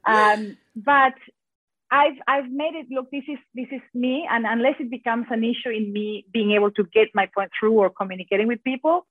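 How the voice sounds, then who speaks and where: A woman with a strong Argentine Spanish accent speaks quickly and animatedly as a podcast guest. Her voice comes through tinny and narrow, as if over a phone line, with no room sound at all. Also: a little high, dry recording. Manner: fast-talking, animated storyteller. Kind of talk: podcast interview.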